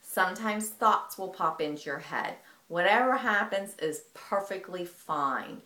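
Calm low-voiced woman teaching breathwork. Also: unhurried. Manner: calm, explanatory. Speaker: movement teacher. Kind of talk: instructional demonstration. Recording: echoey room.

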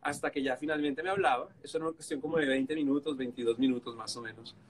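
On a live stream's video call, a male guest with a Colombian accent spins casual, lively stories, doing impressions of others and breaking into laughter. The recording is rough, and his mid-range voice moves quickly with fairly even intonation.

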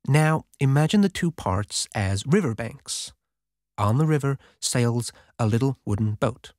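Cheeky inner voice as a narrator reads it, playful and matter-of-fact, lively intonation, storybook reading. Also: medium pitch, unhurried, no room sound, studio quality, natural voice. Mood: teasing.

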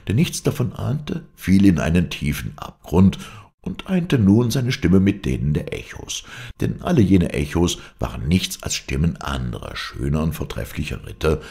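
A man reading a fairy tale aloud, expressive and dramatic. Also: extremely low pitch, vocal fry. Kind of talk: storybook narration.

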